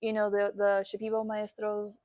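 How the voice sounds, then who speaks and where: A woman's voice: medium pitch, monotone, moderate pace, darkish tone, no room sound, highs cut off. A young woman telling a personal story as a travel vlogger, chatty and casual, laughing often and filling with "like" and "um".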